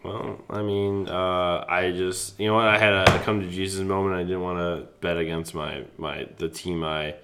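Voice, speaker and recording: A young man with a very low, deep voice co-hosts a casual sports talk show. He talks in a lively, rambling way and swears freely. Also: moderate pace, hardly any pauses, very noisy. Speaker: podcast co-host.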